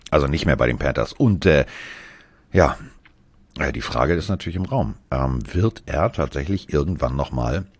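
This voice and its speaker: A man's voice: rumbling low, expressive, normal speed, husky, dry recording. A man co-hosting a casual podcast from a hospital room; his speech is slurred after facial surgery and he struggles with F sounds, joking about himself. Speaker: podcast co-host. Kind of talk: casual chat.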